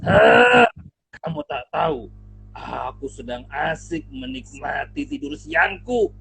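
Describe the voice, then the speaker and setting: A man voicing a proud, angry male lion king who roars and scoffs in a booming, gravelly voice. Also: sing-song, slow pace, a bit bright, full character voice, poor audio.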